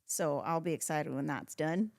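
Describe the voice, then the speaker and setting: A woman's voice: deep voice, moderate pace, gravelly, darkish tone. A woman in her thirties, a band member guest in a casual interview, upbeat and repeating phrases for emphasis. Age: 30s.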